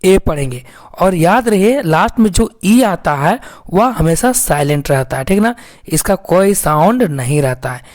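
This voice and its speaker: A woman teaching English phonics. She explains slowly, step by step, asks her own questions and answers them, and keeps checking in with viewers. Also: on the low side, a little mellow.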